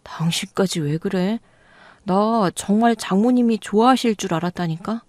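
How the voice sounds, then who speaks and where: A woman's voice: medium pitch, normal speed, darkish tone, no room sound, lightly acted. Radio-drama husband, clueless and defensive , done by a woman; dry close sound. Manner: defensive, pleading.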